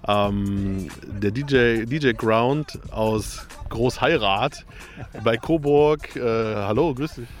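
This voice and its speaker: A man of medium pitch hosts a radio show, chatting loosely with a guest. He rambles, hesitates and restarts often. Faint music plays behind him outdoors by a lake. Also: slow pace. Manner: rambling, many hesitations and ums. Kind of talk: casual interview.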